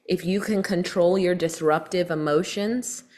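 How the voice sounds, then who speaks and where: A woman leads a sales training session. Her voice sits fairly low, and she speeds up and slows down on purpose to show what she teaches. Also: fairly even intonation, darkish tone. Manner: coaching, switches pace on purpose to demonstrate. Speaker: sales coach. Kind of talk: training talk on a call.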